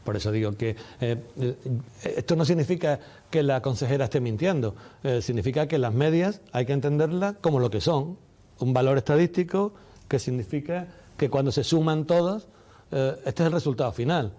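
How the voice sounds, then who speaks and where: A man giving measured, didactic interview answers, repeating key phrases for emphasis. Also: mid-range voice, mellow. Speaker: doctor and medical representative being interviewed.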